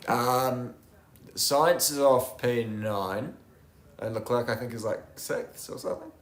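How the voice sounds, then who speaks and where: A man calls a race in a casual, bantering way, dropping dry one-liners between grid updates. His voice has a middle pitch, and the sound carries a noticeable room echo. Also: slow. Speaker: race co-commentator.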